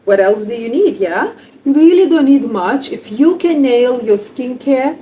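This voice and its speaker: A woman's voice: high voice, expressive, a little slow, dark tone, distant mic, low-quality recording. A woman in her forties from Lithuania, with a Lithuanian accent, chatting casually in a vlog in slightly broken English. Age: 40s. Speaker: vlogger.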